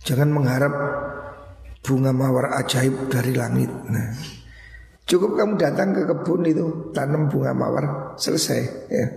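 A man's voice: mid-range voice, normal speed, gravelly, darkish tone. A man, a cleric giving a religious study lecture in a folksy, teasing way, slipping in asides. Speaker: cleric teaching a religious text. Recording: echoey hall.

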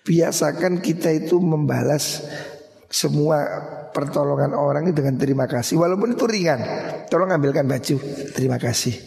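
A middle-aged man with a Javanese accent, preaching a lively storytelling sermon and acting out the voices of his characters. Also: on the high side, moderate pace, gravelly. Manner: animated, acts out voices in his stories, mixes in Javanese. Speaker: Islamic preacher. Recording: echoey hall.

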